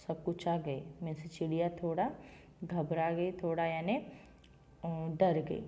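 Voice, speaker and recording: A woman teacher reads a story to schoolchildren and then explains each line in plain words. Her voice sits fairly low and sounds mellow and relaxed. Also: slight background noise. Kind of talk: reading a Hindi textbook lesson aloud and explaining it to children.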